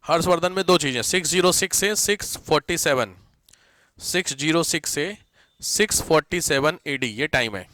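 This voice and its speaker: A male teacher giving an exam-prep history lesson, dictating notes slowly, spelling words out letter by letter and repeating every term. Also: fairly high pitch, sharp tone, no room sound.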